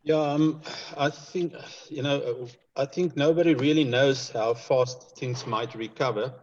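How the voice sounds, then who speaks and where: A man with a Namibian accent speaking as a conservationist in an informal interview, in a hesitant, measured and concerned manner. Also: medium pitch, slight background noise. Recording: dull lo-fi online call audio.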